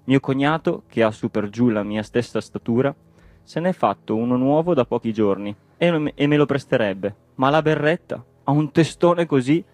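A man's voice: medium pitch, moderate pace, dry recording, voice pushed up, natural voice. A man doing a plaintive, down-at-heel villager. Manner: calm, plaintive. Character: poor, carefree middle-aged man, mournful.

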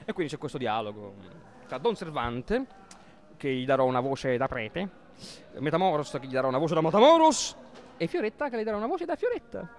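A man's voice: fairly high pitch, sing-song, brisk. A man co-hosting a comic show, playful and theatrical, who fusses over grammar and introduces dramatic readings. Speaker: co-host.

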